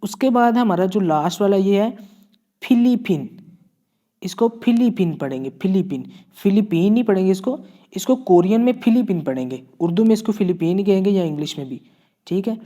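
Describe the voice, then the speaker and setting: A man's voice: high-pitched, animated, moderate pace, mellow. A man from Pakistan with a Pakistani Urdu accent teaching Korean vocabulary, patiently repeating each word and checking in often. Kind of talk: classroom-style vocabulary lesson.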